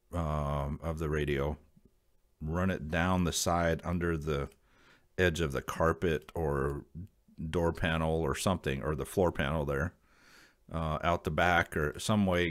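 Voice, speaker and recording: A bass-voiced American video creator offers radio hobby advice to viewers off the cuff. His explanation rambles in a folksy, plain-spoken way.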